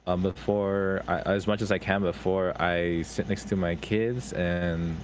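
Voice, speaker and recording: A man's voice: low-pitched, steady tone, unhurried. A man playing his tabletop character, talking hesitantly with stammering restarts. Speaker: player. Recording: faint background noise on the mic.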